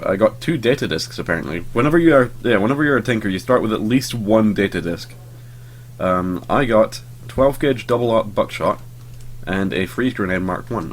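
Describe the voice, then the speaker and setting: A young man whose voice sits low gives casual commentary on the game he's playing, having just recovered from a cold. As the let's play host he sounds sleepy, rambles, says um a lot and curses offhandedly, with a little hiss or hum on the track.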